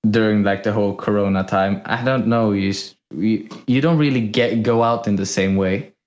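A man, co-hosting a casual podcast into his microphone, relaxed and halting with frequent restarts. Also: on the low side. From Sweden. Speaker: podcast co-host.

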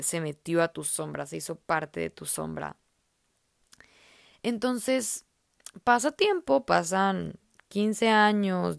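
A woman's voice: lowish voice, vocal fry, no room sound, clean studio sound. A young woman, hosting a casual self-help podcast in a slangy, chatty way full of fillers. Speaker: podcast host.

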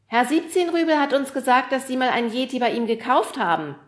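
Woman doing a cheeky quick schoolboy. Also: mid-range voice, big pitch swings, fairly bright tone, voice pushed up, full character voice.

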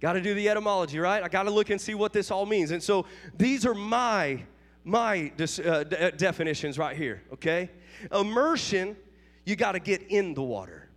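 A man's voice: sits high, animated, normal speed, in a large hall. A man pastor preaching a revival sermon in a church sanctuary, fervent, calling out to his congregation for amens. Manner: fervent preaching with call-and-response.

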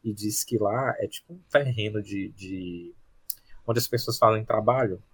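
A man on a podcast telling a story in a lively, anecdotal way during a casual chat. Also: lowish voice, a little slow, breathy edge, no echo. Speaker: podcast co-host.

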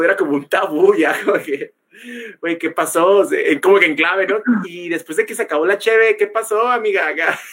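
A man's voice: on the high side, fairly bright tone. A young man with a Mexican accent, co-hosting a podcast and telling a story in casual, slangy chat, acting out the quotes. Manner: slangy, peppers lines with "güey", acts out quotes. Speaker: podcast co-host.

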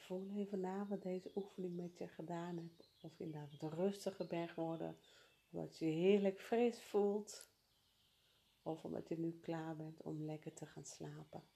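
A woman leading a guided breathing exercise in a calm, soothing, unhurried way. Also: fairly low pitch, creaky.

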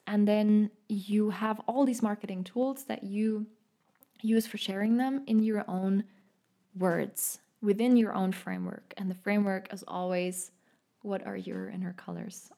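A woman with a German accent hosting a solo podcast, speaking in a gentle, reflective way and thinking aloud with many fillers. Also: mid-range voice, creaky. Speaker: podcast host.

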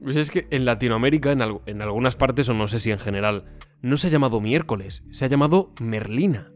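A man's voice: medium pitch, fairly quick, soft background music. A man from Spain with a Spanish accent, co-hosting a casual podcast chat, joking and slipping into mock voices. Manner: jokey, animated, slips into mock voices. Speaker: podcast co-host.

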